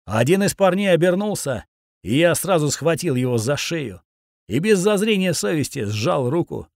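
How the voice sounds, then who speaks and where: A man narrating a first-person action audiobook in a steady, grim storytelling voice, recorded on a close studio mic. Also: on the high side, normal speed, creaky, dry recording.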